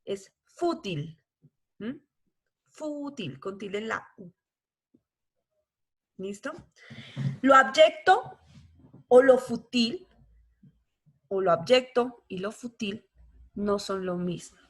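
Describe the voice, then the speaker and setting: A woman's voice: medium pitch, slow pace, long pauses. A woman teaching a law class, explaining patiently and often checking whether students follow. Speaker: law lecturer.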